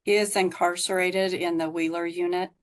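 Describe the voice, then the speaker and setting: Female investigator witness, slightly low pitch, formal testimony, concise factual answers, courtroom recording. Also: steady tone, normal speed.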